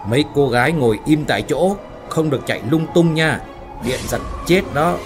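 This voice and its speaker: A man voicing a hot-tempered, bullying male foreman who barks gruffly, in a spoken ghost story. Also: medium pitch, animated, a little fast, music in the background, close to an everyday voice. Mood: commanding. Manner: gruff and barking.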